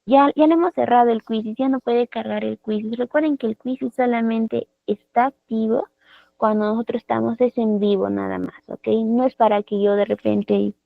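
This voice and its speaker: A woman's voice: fairly high pitch, fairly even intonation, moderate pace, gravelly, dry recording. A woman with a Peruvian Spanish accent, teaching a live online English class and explaining patiently with lots of repeated tag questions. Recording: dry, phone-like online call audio.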